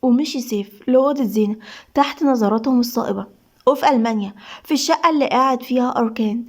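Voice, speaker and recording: Fast-talking Egyptian woman storyteller. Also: a little high, darkish tone. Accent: Egyptian Arabic. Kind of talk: reading a serialized drama story.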